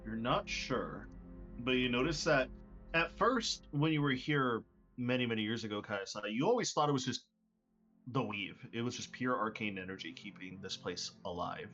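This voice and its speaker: A man's voice: medium pitch, normal speed, fairly bright tone, soft background music. Man, game master narration, hesitant fillers, lo-fi voice call. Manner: descriptive, hesitant with many fillers. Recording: lo-fi online voice call.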